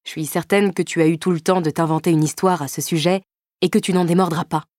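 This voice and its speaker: A woman's voice: lowish voice, fairly even intonation, fast, darkish tone, dry recording, studio quality, natural voice. A woman voicing a young woman in a breakup, strained and emphatic as she pushes back. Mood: upset.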